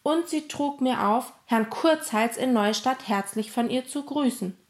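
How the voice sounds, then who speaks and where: A woman reading a storybook voices an angry boy who shouts and pleads, close to tears. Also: a little high, animated, normal speed, voice pushed up. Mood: indignant.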